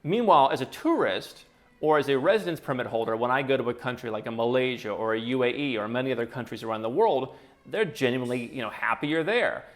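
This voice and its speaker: Guy rattling off advice, quick and opinionated, kinda sarcastic. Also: mid-range voice, animated. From United States. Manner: brisk, opinionated, lightly sarcastic. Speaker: channel host. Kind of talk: talking-head advice commentary.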